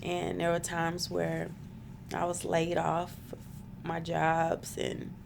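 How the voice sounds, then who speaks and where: A woman's voice: fairly low pitch, monotone, slow, creaky, noisy background. A woman in her thirties telling a personal faith story to camera, earnest and close to tears. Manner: earnest, emotional, spiritual storytelling. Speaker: vlogger.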